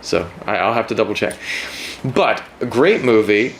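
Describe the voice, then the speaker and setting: A man's voice: on the low side, sing-song, moderate pace, slight background noise. A man hosting a casual interview from his home at night, joking around and asking rambling questions. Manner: playful, jokey, rambling questions. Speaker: podcast host.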